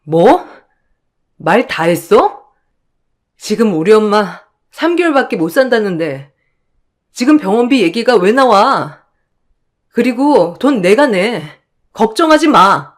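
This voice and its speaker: A woman's voice: a little high, big pitch swings, measured pace, long pauses. A woman playing a grieving daughter in a radio drama, pleading and tearful. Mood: angry.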